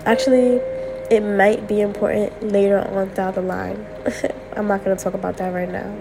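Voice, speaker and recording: Getting over a cold, a young woman talks candidly on her podcast late at night, venting and repeating herself. Her voice is gravelly and medium-pitched, with a level tone and normal speed. There's a noisy background.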